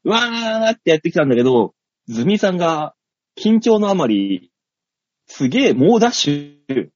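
A middle-aged man hosting a chat show, telling a comedy story in a casual, animated way and acting out the scenes. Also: fairly high pitch, moderate pace, dry recording. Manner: animated, acts out scenes, laughs at his own story. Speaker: comedian and radio show host. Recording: dull, dry studio sound.

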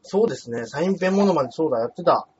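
A man co-hosting a casual comedy chat, easygoing with quick teasing replies. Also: fairly high pitch, lively intonation, darkish tone. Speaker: radio and stream co-host. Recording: dull lo-fi audio with faint background noise.

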